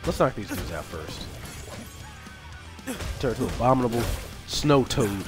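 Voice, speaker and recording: A man streaming a video game live, reacting out loud with swearing and excited outbursts while he talks to himself and his chat. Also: medium pitch, a little slow, over loud music. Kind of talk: live gameplay commentary.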